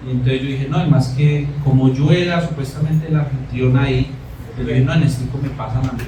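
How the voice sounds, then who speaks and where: Preacher in an echoey room. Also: male voice, medium pitch, steady tone, a little fast, mellow, a little hiss or hum. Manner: conversational storytelling, frequent "¿cierto?" tags. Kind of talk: sermon with personal testimony. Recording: echoey room, mic far off.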